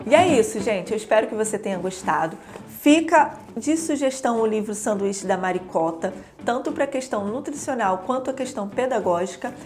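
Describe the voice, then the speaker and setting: A woman's voice: medium pitch, expressive, brisk, hardly any pauses, a little mellow, soft background music. A young adult woman with a Brazilian Portuguese accent explains teaching materials in a casual, chatty way, often checking in with tag questions.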